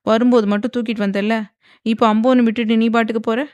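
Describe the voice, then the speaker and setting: Casting: a teasing, pouty young wife with quick comebacks, read by a woman narrator. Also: mid-range voice, darkish tone, no echo, natural voice. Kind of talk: dramatized audiobook reading.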